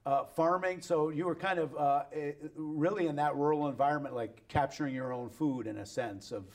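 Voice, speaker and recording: A man's voice: on the high side, normal speed. A man hosting an interview show, asking questions and backing up his guest with short replies. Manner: friendly, with brief affirmations. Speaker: host. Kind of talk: casual interview conversation.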